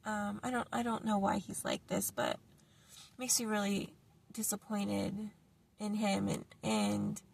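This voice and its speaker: Gravelly-voiced woman rambling in a vlog. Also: medium pitch, big pitch swings, slow, a little mellow. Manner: rambling, many fillers and restarts. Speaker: vlogger. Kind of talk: casual vlog monologue. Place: parked car.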